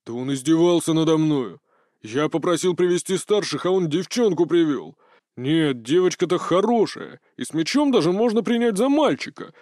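A man's voice: a little high, animated, normal speed, darkish tone, no echo, clean studio sound, lightly acted. A man voicing a rude, dim, defensive man in an audiobook, blustering.

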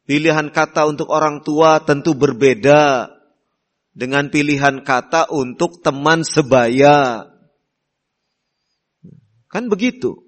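A middle-aged male preacher delivers a sermon at an unhurried, deliberate pace. His voice sits fairly high for a man, and he leans on "ya" as a filler. He drops into a softer voice to act out polite hosts. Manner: slow, deliberate teaching with frequent "ya" fillers; acts out polite hosts in soft voice. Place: Islamic boarding school hall.

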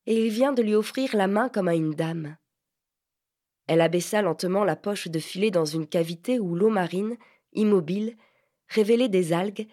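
A woman narrating a literary novel as an audiobook, measured and clear. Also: lowish voice, darkish tone. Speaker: audiobook reader.

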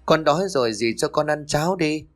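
A man's voice: on the high side, fairly quick, voice pushed up, close to an everyday voice. A man voicing a small, hungry, frightened little boy who pleads through tears in a spoken ghost story. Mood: pleading. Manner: pleading, tearful.

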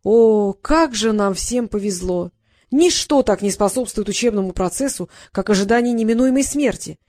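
A woman reading the lines of an excitable male teacher at an assassin school, gushing and theatrical. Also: medium pitch, normal speed, no room sound, studio quality, natural voice. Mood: gleeful.

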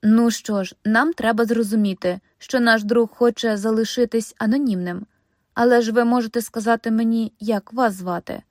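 A woman's voice: fairly high pitch, steady tone, moderate pace, a little mellow, no echo, studio quality, close to an everyday voice. A woman doing a kindly chatty old lady. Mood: soothing. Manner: sweet, soothing, polite.

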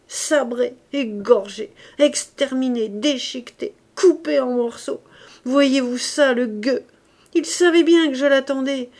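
Bitter, anguished old grandfather, put on by a woman in an audiobook, all shouted outbursts in a highish voice. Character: furious grieving old grandfather, near a hundred. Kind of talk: audiobook character reading.

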